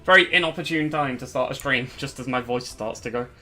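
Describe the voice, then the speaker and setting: With a mid-range, sharp-toned voice and a slightly fast pace, a young man hosts a live stream, rambling casually and chatting. He keeps correcting himself, and his voice cracks as he loses it, while faint music plays behind him.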